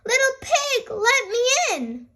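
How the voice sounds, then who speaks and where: A woman voicing a big bad male wolf, a menacing storybook villain with drawn-out, taunting threats. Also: very high voice, very animated, pushed and bright, full character voice. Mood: coaxing.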